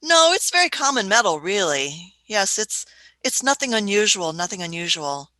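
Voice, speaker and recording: A woman's voice: medium pitch, very animated, moderate pace, bright, forceful tone, no room sound. A woman playing the fussy, chuckling old Doctor. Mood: amused. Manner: chuckles often, fussy hums, old-fashioned phrases. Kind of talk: amateur radio play acting.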